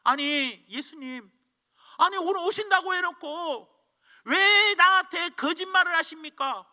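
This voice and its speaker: A man voicing a grumpy, quick-tempered old male shoemaker who shouts in indignant outbursts, told as part of a sermon story. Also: very high-pitched, pitched above the performer's own voice, full character voice.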